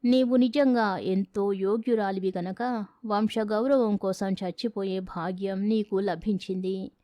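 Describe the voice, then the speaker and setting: A woman's voice: medium pitch, fairly even intonation, unhurried, warm tone, dry recording, lightly acted. A woman voicing a half-mad older male landlord obsessed with family honor, speaking in a solemn, commanding way in a storybook reading.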